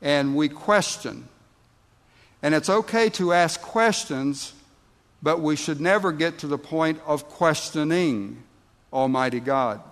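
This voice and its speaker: A man preaching a sermon as pastor, slow and deliberate, rising to emphatic outbursts. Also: on the high side, fairly bright tone. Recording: long reverb of a large hall.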